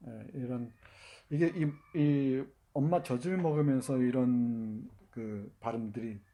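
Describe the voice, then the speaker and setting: A man's voice: mid-range voice, slow, warm tone. A man giving a university literature lecture, explaining and demonstrating dialect pronunciations, with frequent fillers and restarts.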